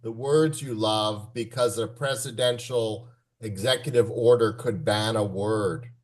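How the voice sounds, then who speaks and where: A man making wry deadpan quips in casual chat on a video call. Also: lowish voice, unhurried. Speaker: poetry gathering attendee.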